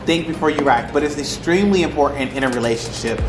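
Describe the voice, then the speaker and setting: A man's voice: fairly high pitch, quick pace. A man talking casually to camera in slangy, rambling speech, repeating phrases for emphasis as he gives advice. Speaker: vlogger giving relationship advice. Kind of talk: casual mukbang chat to camera. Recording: roomy echo with music behind. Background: music.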